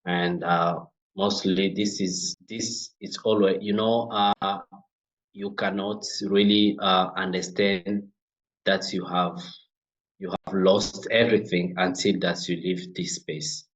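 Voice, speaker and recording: Deep-voiced young Congolese man, halting. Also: flat delivery, dull audio. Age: young adult. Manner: halting, many fillers and restarts. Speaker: guest, refugee-led organization founder. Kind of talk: interview conversation.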